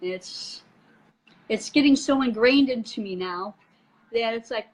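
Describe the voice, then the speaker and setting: Middle-aged woman guest on a video call, a bit high-pitched, chatty and animated. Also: unhurried, rough recording. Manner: animated storyteller, laughs often. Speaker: guest sharing her story. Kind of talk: casual chat over a live video call.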